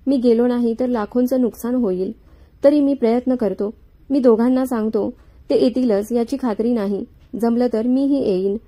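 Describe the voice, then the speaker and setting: A woman's voice: on the high side, moderate pace, warm tone, lightly acted. A woman voicing a cold, selfish grown son who talks curtly and dismissively, in her own reading voice.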